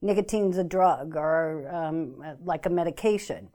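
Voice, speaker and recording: A woman's voice: low-pitched, a little slow, warm tone. A woman explaining as a guest expert in a talk interview, careful and full of ums and restarts. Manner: hesitant, many ums and restarts. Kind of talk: informational talk show interview.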